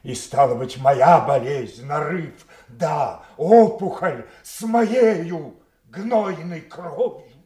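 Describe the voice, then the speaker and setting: An actor playing a proud, wounded old king in a classical audio tragedy, declaiming haltingly between hushed grief and thundering rage at his daughters. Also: fairly high pitch. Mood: outraged. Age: older. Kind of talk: Russian classical stage tragedy acting, audio play. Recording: roomy, echoing studio audio play.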